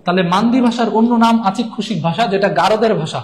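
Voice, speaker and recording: High-voiced man drilling facts. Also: fast talker. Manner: repetitive, drilling key terms and checking in with viewers. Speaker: online exam tutor. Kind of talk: live-streamed lesson.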